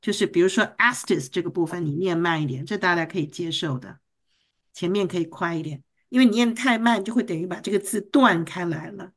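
A woman teaching an online English reading class, patiently coaching students and drilling a word slowly over a video call. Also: lowish voice.

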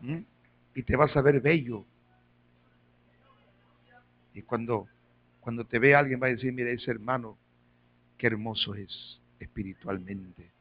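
A man preaching a sermon, telling stories in quiet asides and rising to loud calls for praise. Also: mid-range voice, steady tone, measured pace, long pauses, highs cut off. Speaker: pastor.

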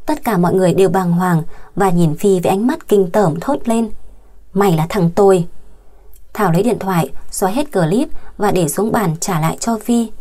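Mellow-voiced woman narrating a story. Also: mid-range voice. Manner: steady, expressive storytelling. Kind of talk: dramatic audio story narration.

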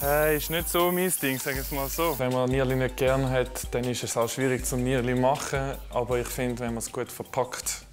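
A man's voice: mid-range voice, fairly even intonation, moderate pace, few pauses. A man in his twenties, a chef chatting casually. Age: 20s. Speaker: chef and contestant. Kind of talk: casual chat. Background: music.

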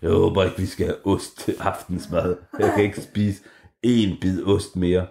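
A cuddly storybook teddy bear talks in a slightly lowered, hesitant voice, as a man puts him on. He hems and haws with little ums before getting his words out. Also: little pitch movement, creaky, warm tone, reverberant. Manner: hesitant, with filler sounds. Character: teddy bear, friendly and fussy about food.

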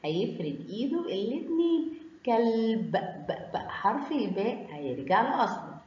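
A woman with an Egyptian accent teaching children Arabic letters, sounding them out in a sing-song, drawn-out way. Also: a little high, sing-song, a little mellow. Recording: roomy, slightly dull recording.

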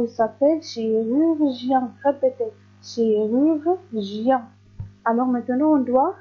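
A woman teaching a recorded reading lesson to young pupils, stretching each word slowly and clearly with patient encouragement. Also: high-pitched, muffled recording. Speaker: primary school teacher.

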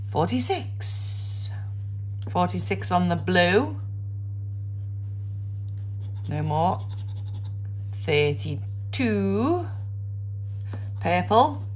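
A woman's voice: on the low side, slight background noise. A woman calling out numbers playfully in the manner of a bingo caller, with traditional rhyming nicknames. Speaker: host of a scratch card video.

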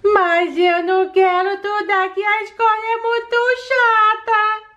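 A woman's voice: very high voice, level tone, unhurried, pushed and bright, highs cut off, voice pushed up, heavily acted. A woman voicing a sad, stubborn little doll girl who talks in a whiny, pleading way, for a doll play story.

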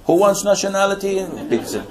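A man's voice: sits high, fast. An older Saudi man answering audience questions as an Islamic preacher, speaking animatedly. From Saudi Arabia. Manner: animated, gestures widely with both hands. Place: indoor study room. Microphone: lapel mic.

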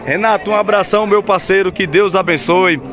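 A man's voice: sits high, steady tone, a little fast, over music. A man with a Northeastern Brazilian accent vlogging casually outdoors, chatty and upbeat as he greets sellers and calls out to his viewers. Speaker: vlogger touring a cattle market. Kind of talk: casual walk-around vlog with interviews. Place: outdoor cattle market, busy crowd. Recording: loud crowd noise outdoors.

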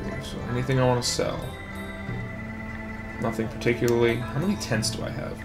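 A man's voice: medium pitch, flat delivery, a little fast, music in the background. A man giving casual gameplay commentary, thinking aloud and rambling with fillers. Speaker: let's play host.

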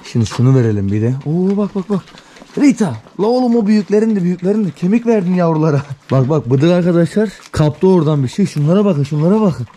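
Excited man vlogging with puppies. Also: a little high, fast talker, few pauses. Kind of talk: casual vlog commentary.

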